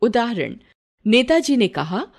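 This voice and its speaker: A woman reading a school grammar lesson aloud in a measured way, voicing the examples with varied intonation. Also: fairly high pitch, very animated, creaky.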